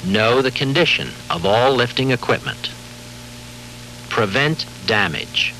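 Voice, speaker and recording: A man giving formal, measured scripted narration for a safety training film, heard from a worn VHS tape copy with faint hiss and hum. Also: mid-range voice, expressive, creaky, pushed and bright, low-quality recording. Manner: measured, formal, authoritative delivery.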